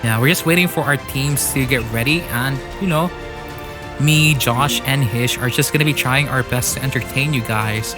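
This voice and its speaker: A man's voice: medium pitch, normal speed. A man casting an online mobile esports final in a chatty, laughing way. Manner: chatty, laughs often, thanks sponsors. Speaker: esports caster. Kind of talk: casual esports commentary. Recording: online stream with game music behind.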